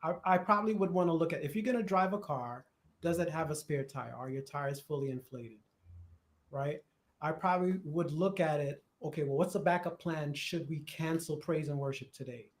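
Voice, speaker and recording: A man with a Jamaican accent hosting a live church discussion, chatty and animated, laughing at times as he explains. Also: fairly high pitch, normal speed. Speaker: host. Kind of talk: casual discussion on church worship. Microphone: live stream.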